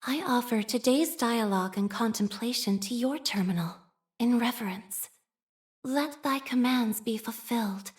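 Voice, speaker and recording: A woman voices a devout, shy young priestess in scripted video game lines, her natural voice pitched on the high side. She speaks formally in measured, prayer-like phrases, with a machine-minded reserve and hesitant shyness. The mood is solemn and reverent.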